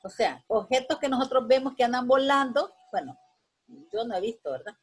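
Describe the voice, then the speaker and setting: A woman's voice: fairly high pitch, lively intonation, fairly quick, husky. A woman teacher giving a spoken grammar lesson, rambling with many restarts and a constant "right?" tag.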